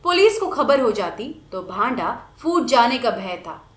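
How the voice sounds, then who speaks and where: Woman narrating a novel, expressive, high and lively voice, echoey room. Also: unhurried. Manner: expressive storytelling. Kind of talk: reading a novel aloud.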